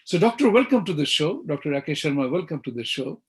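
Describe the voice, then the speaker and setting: A man with an Indian English accent hosting an interview talk show, asking emphatic, animated questions. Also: on the high side, fast talker.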